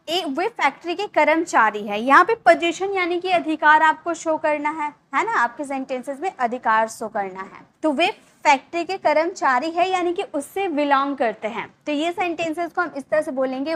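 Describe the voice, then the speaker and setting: A woman's voice: high voice, moderate pace, a bit bright. A woman giving an online English grammar lesson, patiently explaining and checking in often with her class. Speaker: English teacher.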